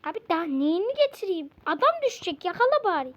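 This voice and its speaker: A young woman chatting casually while playing a game with a friend. She repeats words in quick bursts and yelps when startled. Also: very high voice, big pitch swings, rough recording. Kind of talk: casual game-play chat.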